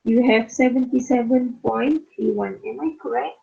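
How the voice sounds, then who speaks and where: A woman statistics lecturer talks through her slides in an online class, slow and halting, with frequent fillers. Her voice is fairly high but gravelly, worn from losing it. The sound is thin and phone-like. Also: dark tone. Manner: halting, restarts phrases with many uh fillers.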